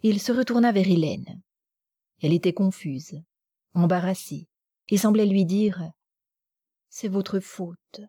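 A woman's voice: medium pitch, a little slow, pauses often, warm tone, slightly rough, dry recording, clean studio sound. A woman narrating a novel as an audiobook, reading evenly and steadily.

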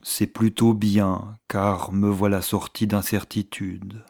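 A woman voicing an anxious, hesitant young man who thinks aloud in a low, slow voice. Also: little pitch movement, gravelly, a little mellow, no echo, studio quality, exaggerated voice. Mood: brooding.

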